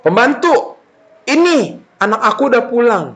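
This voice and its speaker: A man voicing a loving father who warmly welcomes his son home, speaking in a high, emotional, emphatic voice. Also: very animated, normal speed, full character voice. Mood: joyful.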